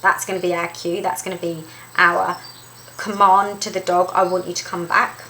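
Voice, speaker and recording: A woman teaches dog recall in a bright, clear voice, lively and emphatic. She repeats key points for clarity. A faint hiss of noise sits underneath. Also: normal speed, poor audio. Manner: lively and emphatic, repeats key points, jumps up high when voicing calls to her dog. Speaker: dog trainer presenting a video lesson. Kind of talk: instructional talk to camera.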